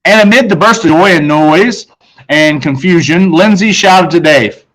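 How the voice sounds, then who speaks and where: An audiobook narrator with a fairly high male voice reads a children's book in an expressive, dramatic way, separating phrases with deliberate pauses. The audio quality is poor.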